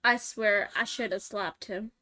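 A woman co-hosting a podcast in casual chat, an animated storyteller who swears and laughs through her stories. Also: medium pitch, unhurried. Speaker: podcast co-host.

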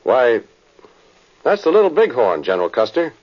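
An actor playing a weary, folksy American cavalry sergeant in a 1940s radio drama, telling his tale in plain rustic speech with a husky voice. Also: mid-range voice, very animated, normal speed, over music, natural voice. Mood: respectful, uneasy. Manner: plain rustic storytelling, ungrammatical. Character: folksy weary old frontier cavalry sergeant, a dead man. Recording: muffled vintage radio broadcast.

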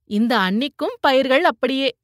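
A woman's voice: high-pitched, expressive, moderate pace, no room sound, studio quality, voice pushed up. A woman voicing a practical, argumentative village woman who argues persuasively, in an audiobook reading.

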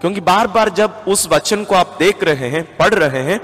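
A man's voice: sits high, animated, normal speed, fairly bright tone. A man, a priest, giving an earnest sermon-style talk that counts out its points. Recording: long hall reverb with faint music.

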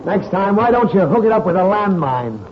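An actor playing a sheepish husband fumbling alibis after coming home late, in 1940s radio acting. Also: male voice, high-pitched, sing-song, fairly quick. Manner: hesitant, evasive. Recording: muffled old radio recording with audible hiss.

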